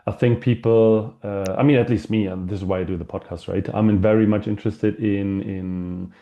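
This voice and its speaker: A man hosting a podcast, asking rambling, halting questions full of fillers. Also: lowish voice, fairly even intonation, warm tone, highs cut off. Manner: halting, many fillers and repeated words. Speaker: podcast host. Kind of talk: casual interview questions.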